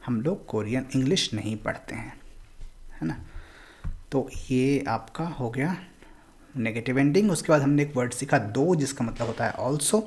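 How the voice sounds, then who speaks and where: A man's voice: medium pitch, darkish tone. Man teaching a language lesson. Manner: explains patiently, mixing Hindi and English.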